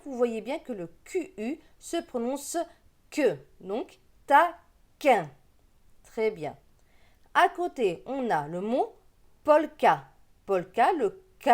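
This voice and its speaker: A woman teaching young children to read, sounding out syllables slowly and deliberately, with gentle encouragement. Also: fairly high pitch. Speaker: reading teacher. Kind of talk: slow reading lesson for young children.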